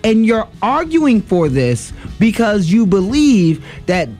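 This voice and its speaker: A man co-hosting a political radio talk show, animated and exclamatory, with frequent interjections. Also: high-pitched, takes it slowly, faint music behind. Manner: animated, exclaims often, says dog.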